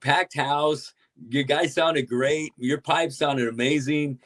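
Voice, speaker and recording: A man's voice: fairly high pitch, fairly even intonation, slow, a bit bright. A man hosting a podcast interview, effusive and hyped, praising his guest and swearing for emphasis. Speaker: podcast host.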